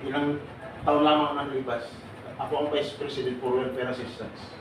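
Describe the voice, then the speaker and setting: This middle-aged man speaks at a moderate pace with a flat, medium-pitched delivery, firing questions at his seminar audience and laughing and joking frequently. The noisy recording of his lively live lecture comes from a distance in a reverberant room.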